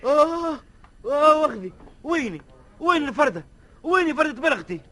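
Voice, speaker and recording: An indignant Tunisian man, high and quick. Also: big pitch swings, bright, forceful tone, full character voice. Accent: Tunisian Arabic. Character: indignant man who lost his slipper. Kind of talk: 1950s radio drama acting.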